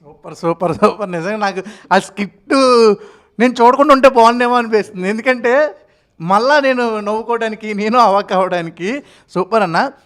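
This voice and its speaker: A male interviewer with a notably high voice, enthusiastic and full of praise for his guest. He keeps the chat casual and upbeat. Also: brisk, a bit bright. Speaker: interviewer host.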